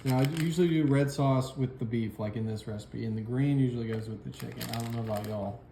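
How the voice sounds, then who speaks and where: A man's voice: mid-range voice, fast, vocal fry, echoey room, noisy background. Easygoing man hosting a cooking video. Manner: easygoing, jokey, folksy step-by-step talk. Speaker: cooking show host. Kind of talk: casual cooking demonstration.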